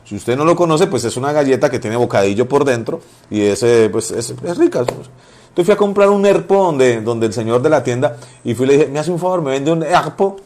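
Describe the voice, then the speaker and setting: A man's voice: mid-range voice, expressive, brisk, darkish tone. A man, preaching informally as a pastor, telling personal stories and repeating phrases for emphasis.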